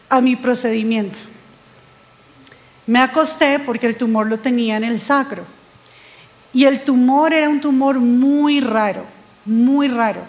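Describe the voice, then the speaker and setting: A woman preaching a sermon, telling a personal testimony in an animated way. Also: on the high side, big-room sound, low-quality recording. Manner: animated storytelling, quoting others, laughing at herself.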